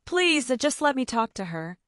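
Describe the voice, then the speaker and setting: A woman voicing a desperate estranged husband in a narrated story, sharp and pleading. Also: on the high side, big pitch swings, normal speed, dry recording, studio quality.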